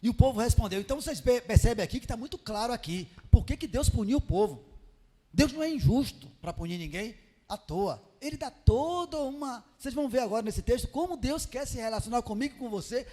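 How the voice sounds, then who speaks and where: A Brazilian pastor with a high-pitched male voice preaches to his congregation, firing rhetorical questions at them. He shifts between loud, stressed scripture reading and quiet, low asides, and his voice rings with the long reverb of a church hall. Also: lively intonation, brisk. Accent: Brazilian Portuguese. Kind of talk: sermon.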